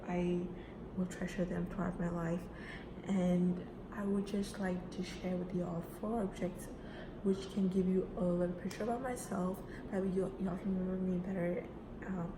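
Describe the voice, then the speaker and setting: A young woman with a low-pitched voice gives a personal self-introduction speech as a student in class. She is casual and chatty, often using fillers like "right?" and "you know," and the echoey room carries a noisy background.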